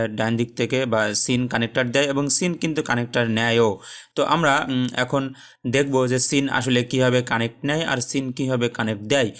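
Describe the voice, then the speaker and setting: Man, tajweed teacher, patient, hesitant fillers, middle pitch. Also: a bit bright. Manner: stretches out Arabic letter sounds in demonstration. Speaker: Quran teacher. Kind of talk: recorded tajweed lesson.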